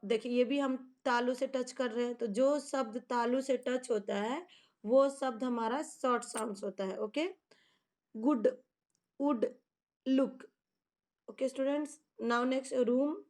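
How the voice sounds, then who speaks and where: A young woman teacher giving a phonics lesson to students. She reads English lines slowly word by word, asks questions and answers them herself. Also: sits high, a bit bright. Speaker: school teacher. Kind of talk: online English phonics lesson explained in Hindi.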